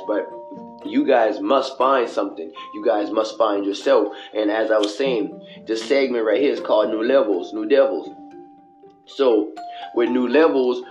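A male host talks straight to his listeners from an echoing bathroom, the sound a little dull and lo-fi through a cell phone headset. He delivers a slangy, sweary motivational talk, circling back on phrases like a street preacher, at a medium pitch. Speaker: radio show host. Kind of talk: motivational casual monologue to listeners. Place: small indoor bathroom. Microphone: cell phone with headphones.

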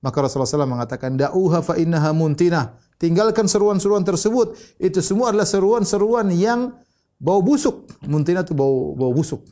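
A man's voice: sits high, fast. A man giving an Islamic religious lecture, telling a story, quoting Arabic and translating it, with frequent restarts. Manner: explanatory, restarts often, quotes Arabic then translates; rises sharply when voicing shouts in the story. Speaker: Islamic preacher.

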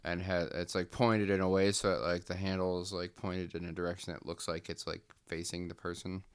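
A man's voice: sits low, flat delivery, fairly quick, clear, resonant tone. A man casually telling a made-up story with lots of fillers and restarts. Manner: rambling, filler-heavy storytelling. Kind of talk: casual comedic story pitch.

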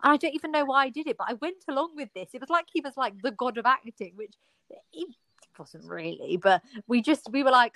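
A woman's voice: sits high, expressive, a little fast, a bit bright, no echo. A young woman with a regional English accent, an actor chatting casually and expressively, with lots of filler words. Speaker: actor, podcast guest or co-host. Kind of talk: casual chat.

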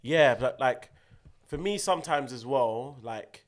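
A man's voice: medium pitch, animated, a little slow. A young man with a London roadman accent, bantering casually in slang and repeating phrases for emphasis. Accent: London roadman, urban multicultural London slang. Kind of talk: casual banter between friends.

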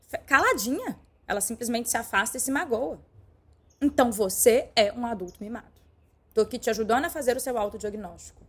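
A middle-aged woman teaching a live-streamed online lesson, speaking directly and affectionately to her viewers. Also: fairly high pitch. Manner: warm direct coaching, addresses viewers affectionately.

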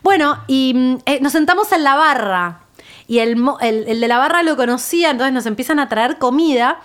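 A woman with a Rioplatense Spanish accent telling a story in casual chat, animated, and she swings from loud to quiet. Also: high voice, normal speed.

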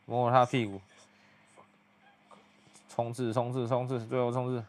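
A young man giving hushed, muttered play-by-play commentary as he reacts to a video. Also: mid-range voice, flat delivery, normal speed.

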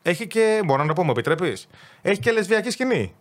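A man hosting a podcast, chatting casually and excitedly retelling a show's plot with laughs and tangents. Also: sits high. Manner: excitable, rambling storyteller, laughs often. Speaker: podcast host. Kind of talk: casual chat.

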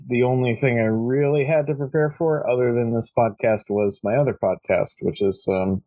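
A man's voice: medium pitch, rough recording. A young man co-hosting a podcast in casual chat, rambling with lots of ums, sounding like he just woke up. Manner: rambling, many ums and restarts, sleepy-sounding. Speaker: podcast co-host.

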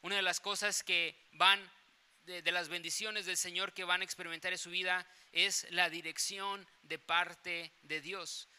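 A man's voice: high-pitched, flat delivery, a little slow, sharp tone, clean tone. A man preaching a sermon, telling stories in an emphatic way and repeating phrases for effect. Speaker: pastor.

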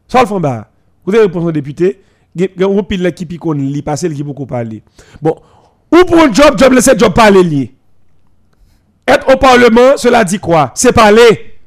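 Guy on a radio talk show, teacher type, high voice, tells stories all animated, trips over his words a lot. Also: normal speed. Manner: animated storytelling with stammered repeats.

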